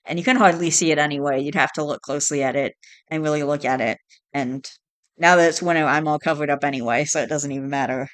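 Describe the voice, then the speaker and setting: Now fast and steady in tone, the host's mid-range voice stays fairly bright despite a congested, blocked nose that makes it nasal. He rambles casually through online posts, sighing and catching his own mistakes.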